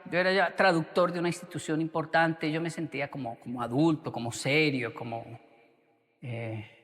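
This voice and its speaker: A man preaching a sermon, telling a story in an animated way. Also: on the high side, moderate pace, in a large hall. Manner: animated, acts out quotes. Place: church.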